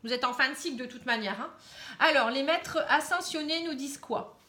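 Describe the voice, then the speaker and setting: Bright high-voiced northern French woman. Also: fairly quick. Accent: northern French (Pas-de-Calais). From Pas-de-Calais, northern France. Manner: chatty, tags nearly every phrase with "hein"; reassuring and encouraging. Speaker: tarot card reader. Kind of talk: casual tarot reading to camera.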